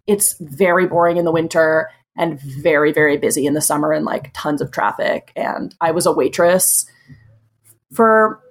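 A woman from Massachusetts chats as a podcast guest in a relaxed, frank way, full of likes and ums. Her voice sits on the lower side for a woman. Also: moderate pace. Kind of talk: casual chat.

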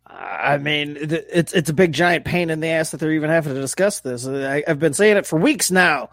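A man co-hosting a casual sports podcast, blunt, opinionated and quick to swear. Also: on the high side, expressive, creaky, fairly bright tone, no room sound, clean studio sound. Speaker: podcast co-host.

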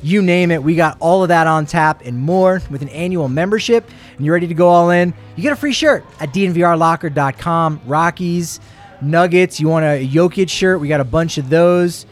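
High-voiced man co-hosting a sports show. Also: moderate pace, soft background music. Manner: chatty, rambling, jokey asides. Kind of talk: casual sports chat with sponsor plugs.

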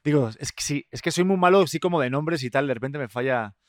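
A man in his thirties from Spain, with a Spanish accent softened by Mexican speech, hosting a casual podcast chat in a jokey, chatty way. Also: fairly high pitch, no room sound, studio quality. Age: 30s. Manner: jokey, chatty, quick to laugh. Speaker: podcast host.

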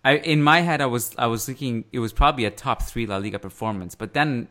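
A man hosting a sports podcast in a casual discussion style, measured and pausing mid-phrase as he works through his thoughts. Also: medium pitch, pushed and bright.

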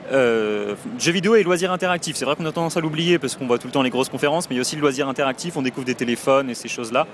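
A man's voice: mid-range voice, racing. A man hosting a live podcast episode from a trade show, chatty and friendly, with frequent fillers. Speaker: podcast host. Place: video game trade show.

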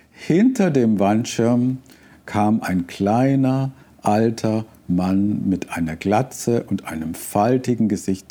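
A man preaching a sermon, calm and reflective, after reading a story aloud. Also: on the low side, husky.

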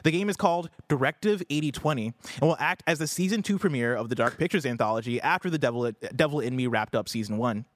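A man's voice: medium pitch, animated, fast talker, few pauses, no room sound. Casting: male show host, enthusiastic, casual news reader, mid-range voice, very dry sound. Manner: enthusiastic, sweary. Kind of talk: casual chat and news reading.

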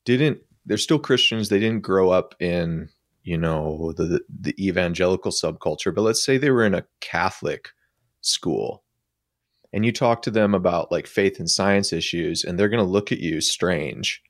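A man talking through ideas in a relaxed, thoughtful way, using frequent fillers. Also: low voice, normal speed, dry recording, clean studio sound. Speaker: podcast guest. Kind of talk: casual conversational discussion.

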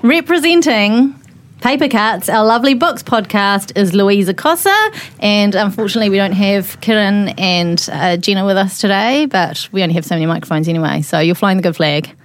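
Kiwi woman hosting a podcast panel, mid pitch, chatty and informal. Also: brisk. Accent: New Zealand. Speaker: podcast host and manager. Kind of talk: casual studio panel hosting.

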